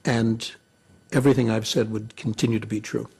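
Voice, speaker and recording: Gravelly raspy guy, blunt, some uhs and ums. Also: lowish voice, level tone, a little fast, darkish tone. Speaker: commentator.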